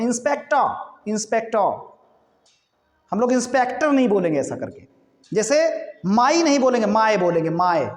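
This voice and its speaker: A man teaching a spoken English lesson at a board, patiently drilling words by repeating them slowly. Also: extremely high pitch, reverberant, long reverb tail. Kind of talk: classroom lesson with board work. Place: classroom with a board.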